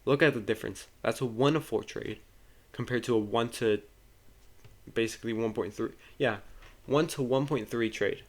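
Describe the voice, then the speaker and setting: A man's voice: mid-range voice, moderate pace. A man walks viewers through a casual screen-share lesson in an easygoing, informal way. He often restarts sentences and corrects himself mid-thought. He addresses his audience directly and casually. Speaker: trading tutor.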